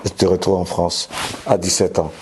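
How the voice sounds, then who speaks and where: A man's voice: sits low, flat delivery, normal speed, darkish tone, a little hiss or hum. A man interviewing a guest in her home, asking probing follow-up questions in a casual, informal way. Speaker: interviewer for an online celebrity news channel.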